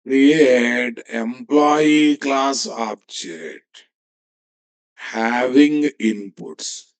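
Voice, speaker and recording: This programming teacher, who has a Telugu Indian English accent, talks through code while typing during a live lesson, often repeating himself and checking on the class. His pitch is medium, and the audio quality is poor.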